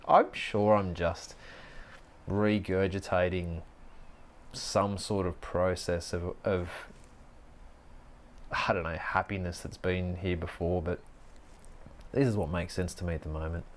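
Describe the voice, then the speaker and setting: Earnest, musing man with a low voice. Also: darkish tone. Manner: earnest, musing, with frequent restarts and slow stretches. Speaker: podcast host and life coach. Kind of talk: reflective solo podcast monologue.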